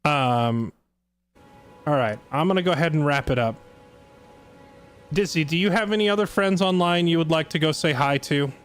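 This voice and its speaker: A man's voice: fairly high pitch, normal speed, pauses often, smooth, faint music behind. A tired man chatting casually on his live stream, sarcastic and self-deprecating.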